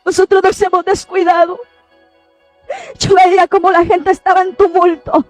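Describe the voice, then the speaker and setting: A woman's voice: very high-pitched, flat delivery, moderate pace, soft background music. A woman preacher giving a fervent, pleading testimony, often crying out through tears.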